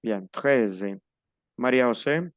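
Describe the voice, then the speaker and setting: A man leads a French class over a video call and patiently slows down to model each word. His voice is smooth and resonant, with a dry, close sound. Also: mid-range voice, animated, dry recording. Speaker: French teacher. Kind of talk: online class instruction.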